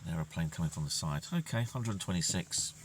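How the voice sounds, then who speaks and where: A man with a deep, expressive voice talks a little fast as he casually commentates on his gameplay, muttering and frequently dropping to near-whispers. There's a little hiss or hum, with a distant mic and music in the background.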